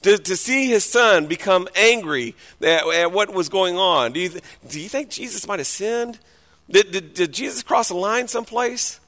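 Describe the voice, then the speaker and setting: A man preaching a sermon and reading scripture aloud, dramatic, swinging between hushed passages and loud outbursts. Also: high voice, normal speed. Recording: long hall reverb.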